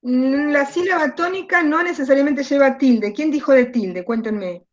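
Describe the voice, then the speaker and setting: A woman's voice: sits high, normal speed. A woman teacher with an Argentine Spanish accent giving an online class, asking questions and repeating key words. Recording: dull lo-fi video call audio.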